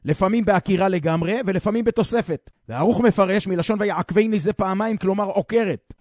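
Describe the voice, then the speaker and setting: A man explaining a Talmud page in a steady reading manner, slowing down to stress key phrases. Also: sits high, no room sound, clean studio sound. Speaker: Talmud teacher.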